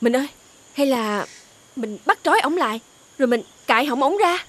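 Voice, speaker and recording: An actress playing a devoted young wife, with a Southern Vietnamese accent and a pleading, emotional manner. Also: female voice, high-pitched, expressive, moderate pace, noisy background. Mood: anxious. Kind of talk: TV fairy-tale drama acting.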